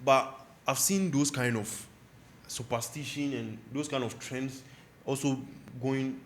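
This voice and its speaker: A man's voice: medium pitch, takes it slowly, slight background noise. Chatty male football show host. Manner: chatty, laughing, introduces panelists. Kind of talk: casual football preview chat.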